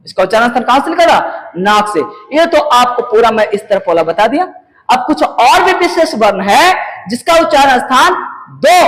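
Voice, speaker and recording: A male teacher explains a grammar lesson in a very high, lively voice that climbs and drops as he quizzes his pupils. He asks questions and answers them himself, repeating key points and sounding out letters slowly one by one. His voice carries a long reverb, as if recorded in a large room. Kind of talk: classroom-style lesson to students.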